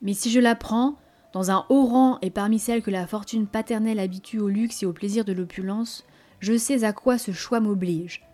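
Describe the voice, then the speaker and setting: A woman reading aloud voices a dignified young man courting a noblewoman, speaking gravely and earnestly with gentle emphasis. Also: medium pitch, normal speed, close to an everyday voice. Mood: grave, tender.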